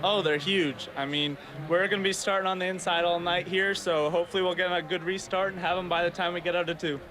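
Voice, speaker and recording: Young male racing driver, high voice. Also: fairly even intonation, fast. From Canada. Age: young adult. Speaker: racing driver being interviewed. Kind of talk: casual trackside interview. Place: outdoors at a racetrack. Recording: outdoor crowd and vehicle noise behind.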